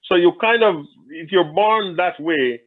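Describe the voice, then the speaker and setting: This man from Jamaica has a high-pitched voice and takes his time answering an interviewer's questions. Thoughtful in manner, he keeps restarting sentences and repeating words, all heard through tinny phone-line audio.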